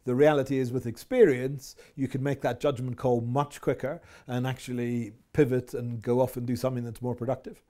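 A man in his fifties with a Scottish accent, a chief executive answering interview questions in a measured, reflective way in an office. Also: medium pitch, little pitch movement, warm tone. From Scotland. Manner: measured, reflective, with frequent fillers. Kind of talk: business interview. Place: office with window blinds. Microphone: lapel mic.

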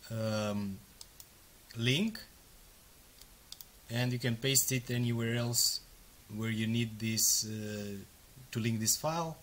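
A Romanian-native man in his thirties presents a software demo as a screen-recorded tutorial, walking through it step by step in a casual way with frequent ums and uhs. His voice sits in the mid-range, and there's a little hiss or hum on the recording.

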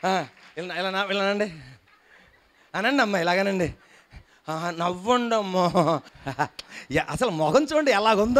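High-voiced man preaching emphatically. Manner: emphatic preaching, rising to loud questions; coaxes the congregation to repeat and smile. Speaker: pastor. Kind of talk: sermon. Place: church hall before a congregation.

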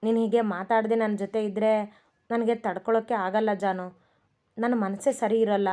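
A woman's voice: medium pitch, fairly even intonation, moderate pace, dark tone, lightly acted. A woman voicing a loving young husband who apologizes tenderly to his wife in a storybook reading. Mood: pleading. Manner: pleading, affectionate, apologetic. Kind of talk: storybook narration with voiced characters. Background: faint music.

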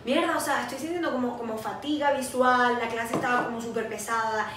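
Una mujer joven con acento venezolano, copresentadora de un pódcast, que cuenta en charla casual y animada una historia personal, riéndose de sí misma. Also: female voice, fairly high pitch, a little fast. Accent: Venezuelan Spanish. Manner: animated storytelling, laughing at herself. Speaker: podcast co-host. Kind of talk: casual chat. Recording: echoey room, mic far off, faint hiss.

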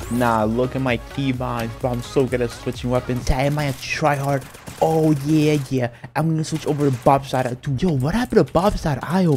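A male gaming YouTuber giving excitable, slang-heavy live commentary while he plays. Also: fairly high pitch. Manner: excitable, slangy, says "bro" constantly.

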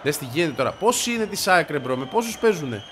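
Excitable man yelling over a football game. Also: a little high, noisy background. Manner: shouts and yelps at the game, frustrated outbursts. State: stuffy, congested voice. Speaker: gaming video creator. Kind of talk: excited gameplay commentary.

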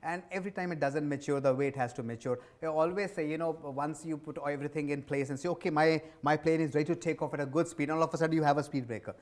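This Indian-accented man in his forties talks fast, pausing little, in a fairly high voice with fairly even intonation. He responds to interview questions conversationally in the role of a business executive and repeats things for emphasis. A lapel mic captures him on an indoor office lounge set.

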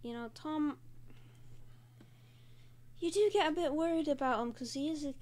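A woman's voice: high voice, moderate pace, a little mellow. A young woman hosting a casual draw-and-talk video, chatting in a rambling way with frequent fillers. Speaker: host.

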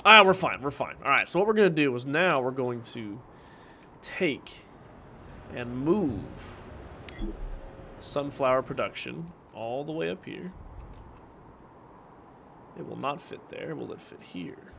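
With game music in the background, a young man in a headset chats through a city-building let's-play as a gaming streamer, talking to himself as he builds and sniffling slightly from a cold. His medium-pitched voice swings widely in pitch at a measured pace, creaky, pushed and bright, with long pauses. A little hiss or hum is audible.

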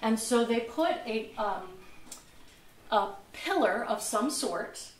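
A woman's voice: a little high, lively intonation, slow pace, slight background noise. A woman museum docent giving a casual history talk to a small group, chatty and self-mocking, sometimes searching for a word. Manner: chatty, laughs at herself, loses words. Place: museum lecture room. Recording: echoey room, mic far off.

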